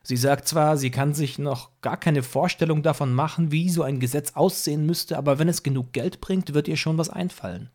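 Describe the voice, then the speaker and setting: A man's voice: on the high side, normal speed, few pauses, a little mellow, natural voice. A man doing a brash scheming music boss. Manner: brash, pushy, self-assured. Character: scheming male music-business boss on phone. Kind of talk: audiobook character voice.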